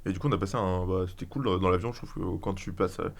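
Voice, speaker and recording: A man's voice: sits low, fairly even intonation, quick pace, vocal fry. A man with a French accent, co-hosting a casual podcast chat, matter-of-fact with short agreeing replies. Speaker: podcast co-host. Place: podcast studio.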